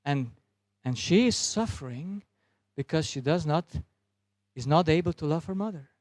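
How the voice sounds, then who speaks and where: A man's voice: on the high side, animated, normal speed, darkish tone, no echo. A man speaking English as a non-native with German as his first language, giving a sermon-style talk and telling a story as a doctor, with some broken grammar.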